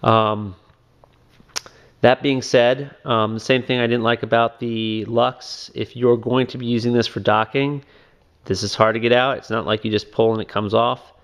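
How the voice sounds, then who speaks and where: A man giving a casual video review of phone cases, talking in a halting way with many ums and restarts. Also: medium pitch, steady tone. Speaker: product reviewer. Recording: dull lo-fi home video sound.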